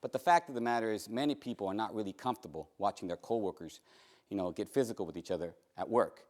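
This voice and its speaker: A man's voice: on the low side, fast, darkish tone. A man presenting a workplace harassment training, emphatic and joking with big swoops.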